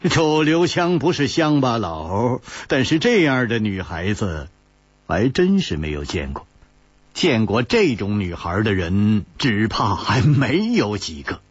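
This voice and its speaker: Lively, slow-paced male storyteller. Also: fairly low pitch, slightly rough, no room sound, muffled recording. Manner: lively, animated, laughing at his own lines. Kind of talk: pingshu-style storytelling.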